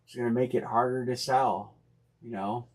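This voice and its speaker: A man hosting a live sports card break stream, talking casually and thinking out loud with plenty of fillers and restarts. He speaks bluntly and uses slang. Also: medium pitch, steady tone, moderate pace. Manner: rambling, thinking aloud with many fillers and restarts.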